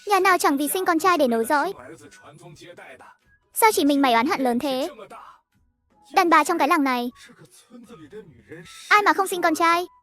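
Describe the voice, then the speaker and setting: Woman voicing a defensive old village husband in a cartoon, high voice. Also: expressive, normal speed, long pauses, a bit bright, soft background music. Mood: indignant. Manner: defensive, self-justifying. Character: stubborn old husband wanting sons.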